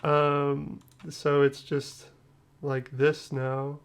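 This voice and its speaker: Very slow and completely flat in delivery, a man with a voice on the high side hosts a music production tutorial. He chats casually over screen share in a loose, joking, slang-heavy way, his phrases trailing off.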